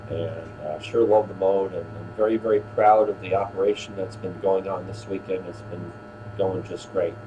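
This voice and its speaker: Low-voiced older man over a humming background. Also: normal speed. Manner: courteous, appreciative, uses radio procedure words. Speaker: radio operator hosting an on-air rally. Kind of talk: casual ham radio exchange. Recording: clearly noisy, steady hum.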